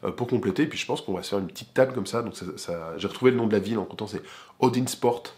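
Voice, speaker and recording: Low-voiced man chatting casually. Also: rapid-fire, darkish tone. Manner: chatty, informal, talks straight to the viewer. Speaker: board game channel host. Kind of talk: casual game presentation.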